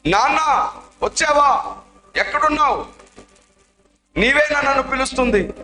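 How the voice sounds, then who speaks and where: A man voicing an abandoned young boy who cries out in high, pleading sobs. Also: unhurried, pushed and bright, soft background music, exaggerated voice. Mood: calling out. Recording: echoey room.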